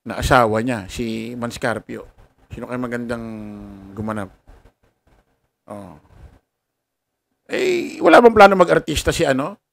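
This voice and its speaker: A man's voice: medium pitch, big pitch swings, a little slow, vocal fry, long pauses, no room sound. A man giving casual political commentary, rambling and forgetful, laughing often and tossing in salty asides. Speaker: online commentator.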